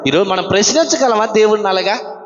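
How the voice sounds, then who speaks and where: A man preaching a sermon as pastor, fervent, his voice swinging sharply between loud high cries and low quiet lines. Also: quick pace. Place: church hall. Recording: echoey hall, dull sound.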